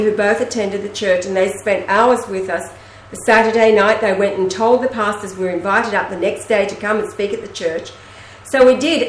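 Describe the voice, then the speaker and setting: A woman with a fairly high voice tells stories in lively casual talk, acting out what others said. She is recorded in a noticeably echoey room. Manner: animated storyteller, acts out quoted speech. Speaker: host. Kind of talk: casual conversation.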